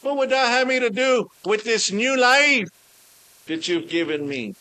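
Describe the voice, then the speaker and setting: Slow bright-voiced bilingual preacher man. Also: extremely high pitch, animated, no echo. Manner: mixes Spanish and English, pausing to search for words. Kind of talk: bilingual sermon.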